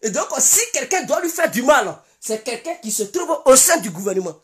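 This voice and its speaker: Ivorian woman, political commentator, high voice with wide swings, emphatic and repetitive. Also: sing-song, moderate pace. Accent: Ivorian French. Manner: emphatic, repeats insistent declarations. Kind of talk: impassioned political commentary monologue.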